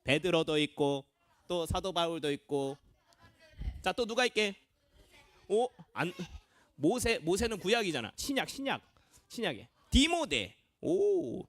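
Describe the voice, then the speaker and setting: A man's voice: high voice, big pitch swings, a little slow, pauses often, a bit bright, dry recording. A young man, a junior pastor, preaching a children's sermon in a church classroom, quizzing the kids and acting out voices. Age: young adult.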